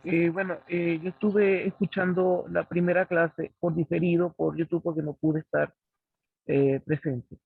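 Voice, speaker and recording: Guy calling in on a crackly phone line, gravelly and husky, kinda high, lots of pauses. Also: level tone, dry recording. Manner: hesitant, halting, full of pauses and restarts. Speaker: student in a Bible study class. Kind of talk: asking a question in an online class. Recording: tinny phone-like line, dry.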